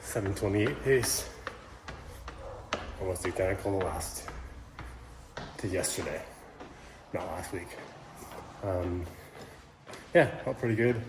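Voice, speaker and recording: A man's voice: low voice, slow, pauses often, roomy sound, noisy background. A man talking casually and matter-of-factly as he vlogs about his day. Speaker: fitness vlogger. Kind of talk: casual vlog chat.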